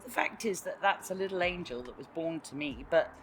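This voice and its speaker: A woman's voice: on the low side, lively intonation, fairly quick, slight background noise. A woman in her fifties reflecting frankly in a documentary interview. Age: 50s.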